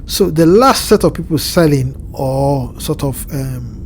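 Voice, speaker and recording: A crypto market analyst from the Southern Hemisphere, a man with a blocked nose and a somewhat nasal voice, talks through a chart on a screen share from home, indoors, in the evening. His voice sits on the high side and is expressive and gravelly, with a faint hiss or hum in the background. He explains in a measured way, often pausing to find his words.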